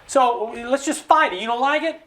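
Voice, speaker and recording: An American man speaking as a studio interview guest. He explains with passion and acts out other people's voices with big swings in pitch. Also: moderate pace, bright, forceful tone. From United States. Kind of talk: impassioned conversational explanation. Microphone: studio mic.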